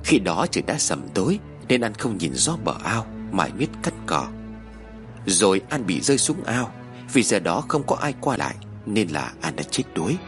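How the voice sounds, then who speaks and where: Telling a horror story in the first person, a man with a low voice keeps a somber, measured delivery while his pitch swings lively. Underneath him, faint music plays.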